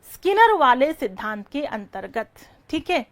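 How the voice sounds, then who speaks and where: A woman teaching an online exam-prep lecture, firing quick questions, repeating each answer and calling her students "beta". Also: high-pitched, big pitch swings.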